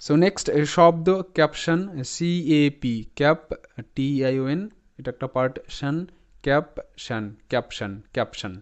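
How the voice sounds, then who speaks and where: Clear-voiced teacher, spelling slowly. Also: male voice, fairly high pitch, steady tone. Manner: patient, spells words letter by letter and repeats them slowly. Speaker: English pronunciation teacher. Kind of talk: spoken lesson to students. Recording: slightly dull lo-fi sound.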